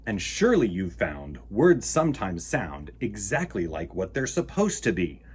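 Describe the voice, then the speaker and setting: Speaking at normal speed in a voice that sits low, a man hosts a children's storytime show and reads a picture book aloud. He's animated and theatrical, addressing young listeners directly with playful exclamations and gasps.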